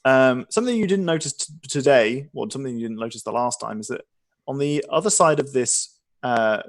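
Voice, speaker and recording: A man's voice: mid-range voice, expressive, a little fast, no room sound, clean studio sound. Casting: male game master narrating a tabletop session, informal and self-deprecating, conversational delivery.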